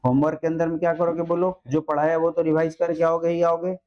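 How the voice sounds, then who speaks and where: A man's voice: on the high side, little pitch movement, fast, muffled recording. A male biology teacher giving a classroom lecture, coaxing and constantly quizzing his students with questions. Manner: calls students "beta" and "mere lal".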